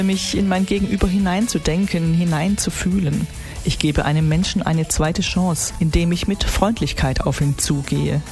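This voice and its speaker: A woman's voice: on the low side, a little mellow. A woman delivering a scripted devotional reflection for church radio.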